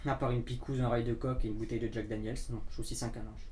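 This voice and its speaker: A man's voice: mid-range voice, level tone, darkish tone, a little hiss or hum, natural voice. A man playing a sarcastic, short-tempered young guy. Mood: subdued. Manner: sarcastic, swearing, quick to flare up. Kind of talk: amateur short film acting.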